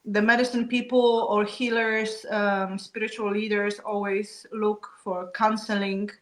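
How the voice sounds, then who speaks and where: A woman guest explaining her topic calmly, now and then with a soft laugh. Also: mid-range voice, measured pace. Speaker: guest speaker. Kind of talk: explanatory talk on traditions. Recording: roomy echo.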